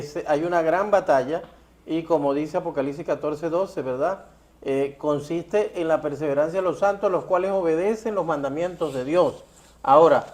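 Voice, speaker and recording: A man co-presenting a Bible study lesson in a measured, affirming manner. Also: fairly high pitch, a little mellow.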